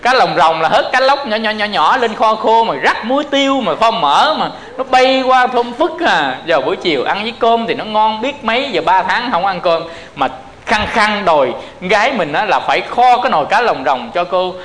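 A man's voice: sits high, expressive, normal speed, a bit bright. A male Buddhist preacher telling stories in a sermon and addressing the audience directly. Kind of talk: sermon storytelling.

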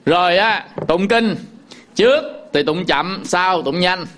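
A man teaching sutra chanting, explaining in quick casual talk and breaking into slow, drawn-out chanted demonstrations. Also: high-pitched, a bit bright, a little hiss or hum. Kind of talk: chanting lesson with sung demonstrations.

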